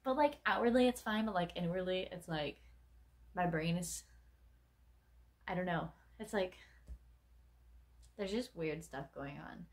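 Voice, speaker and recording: A woman's voice: fairly low pitch, unhurried, long pauses. A young woman in her twenties chatting casually to the camera in a late-night vlog, rambling with many fillers and self-mocking asides. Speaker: vlogger.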